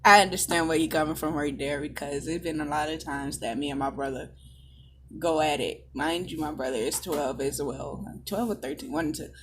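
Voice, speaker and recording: A woman's voice: deep voice, a little fast, a little hiss or hum. A woman chatting casually as she reacts to a video, telling rambling stories. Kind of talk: casual commentary.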